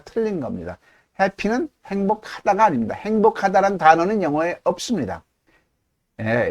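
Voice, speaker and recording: A middle-aged male teacher lecturing on grammar, his voice sitting a little high and swinging up and down with lively emphasis. He explains things step by step and poses questions that he answers himself. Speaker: English teacher.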